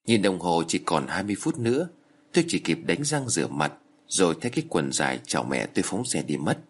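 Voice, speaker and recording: A man's voice: sits low, very animated, a little fast. A man narrating a first-person horror story in a dramatic, tense way.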